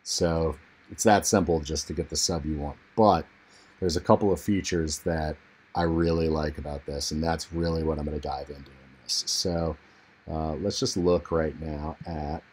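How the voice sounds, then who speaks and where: Man, very low, monotone; low-quality internal computer mic in an untreated room; relaxed, filler-heavy tutorial host. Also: normal speed, slight background noise. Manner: laid-back, relaxed, with frequent fillers. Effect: low-quality built-in computer mic. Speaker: music production tutorial host. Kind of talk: casual software walkthrough. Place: untreated room in a family home.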